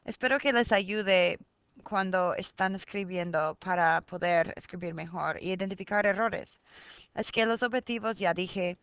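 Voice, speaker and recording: A woman's voice: lowish voice, fairly even intonation, moderate pace, fairly bright tone, clean tone, no echo. A woman teaching a recorded lesson to her students. She switches between Spanish and English and keeps checking in with "ok?".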